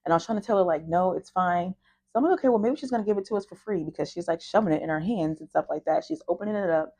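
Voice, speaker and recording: Woman vlogger from the US, low voice, mellow tone, chatty storytelling. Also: racing. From United States. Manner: chatty, lively storytelling with acted-out quotes. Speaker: travel vlogger. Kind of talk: casual chat to camera.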